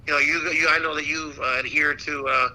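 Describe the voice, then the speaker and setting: A man speaks in a very bright, forceful voice that sits a little high. He is an interview guest chatting casually, with slangy, animated storytelling and the loose phrasing of someone talking shop. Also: fairly quick, poor audio. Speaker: boxing ring announcer, interview guest. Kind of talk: casual chat.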